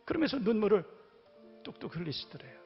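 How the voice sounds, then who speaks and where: A male pastor with a high, bright-edged voice preaches in a church, telling a story and then building to emphatic calls to his listeners. The sound carries a long hall reverb and a dull, lo-fi tone. Soft music plays faintly underneath. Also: sing-song, quick pace, husky. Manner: storytelling, rising to emphatic exhortation. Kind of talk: sermon. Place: church sanctuary.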